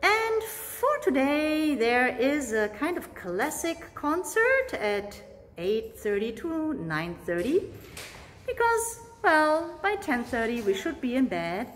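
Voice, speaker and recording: A woman films a cheerful, chatty travel vlog around a resort's room and grounds, often laughing as she shows things to the camera. Her voice is high and sing-song, her pace slow, and there's a slight hiss or hum in the audio.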